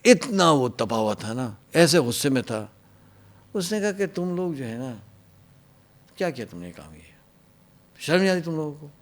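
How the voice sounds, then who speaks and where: A man telling his life story in an interview. He acts out an angry interrogator and drops to a hushed voice for his own answers. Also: big pitch swings, pauses often. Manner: drops to a hushed, low voice when quoting himself.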